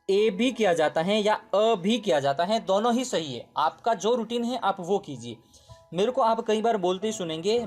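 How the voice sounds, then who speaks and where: A man's voice: high-pitched, darkish tone. A man teaching English grammar in a casual spoken lesson, who repeats points, checks in with his listeners and corrects himself mid-sentence.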